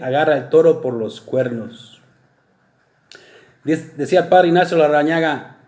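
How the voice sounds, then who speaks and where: A man preaching a sermon, swinging between loud exclamations and soft low asides. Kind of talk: sermon talk. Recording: echoey room.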